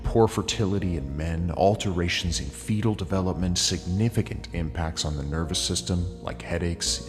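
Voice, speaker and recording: A man reads a scripted narration in a disguised voice pushed extremely deep, so that it rumbles far below ordinary speech. He goes through facts and lists steadily and deliberately. The voice sits in a long, hall-like reverb, with faint music under it.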